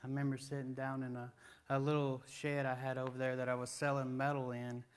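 A man's voice: medium pitch, completely flat delivery, fairly quick, clear, resonant tone. A man, preaching a sermon in a folksy, conversational way with rising emphatic questions, in a church sanctuary on a lapel mic. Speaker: guest preacher.

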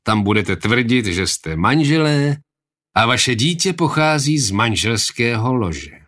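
A man reading an audiobook, voicing a male nobleman who speaks in a measured, reproachful way. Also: mid-range voice, sing-song, fairly bright tone.

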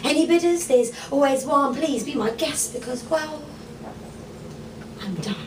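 High-voiced woman performing spoken word. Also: animated, very noisy. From England. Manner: rhythmic, rhyming delivery with dramatic pauses. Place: small bar lounge stage. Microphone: stand mic on stage, recorded from the room. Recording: echoey bar room from far off.

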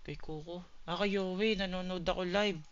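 A man's voice: high voice, fairly even intonation, normal speed, fairly bright tone, lo-fi sound, slight background noise. A man chatting loosely with his live-stream viewers, swearing often and calling them buddy. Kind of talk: casual live-stream chat answering viewers.

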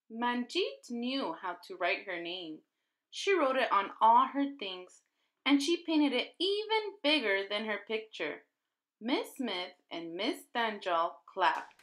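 A woman reads a children's picture book aloud as a storyteller, using an expressive, deliberate and animated style aimed at young children. Her voice is on the high side.

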